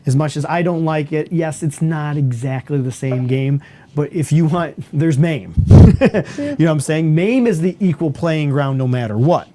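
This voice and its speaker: A man's voice: on the high side, normal speed, dark tone. A man hosting a casual podcast, chatty and laughing, hyping up segments. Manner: chatty, laughing, hype announcer bits. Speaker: podcast host. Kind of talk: casual chat.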